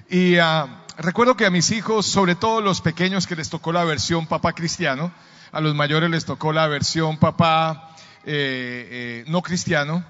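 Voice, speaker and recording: Preaching in a church hall, a middle-aged pastor tells a story and invites the congregation to respond. His voice is fairly high and fairly bright, and he speaks unhurriedly. The recording sounds dull and carries the hall's long reverb.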